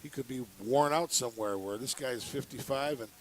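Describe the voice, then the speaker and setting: Quick-talking agreeable male commentator. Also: mid-range voice, poor audio. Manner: agreeable, keeps saying "yes". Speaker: color commentator. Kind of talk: casual sports commentary.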